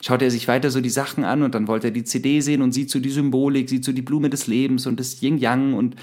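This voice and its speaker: A man's voice: medium pitch, steady tone, fast, darkish tone. A man and musician telling a personal anecdote in a casual, reflective way, speaking directly to the listener. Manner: conversational, addresses the listener directly. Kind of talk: casual spoken storytelling with reflection.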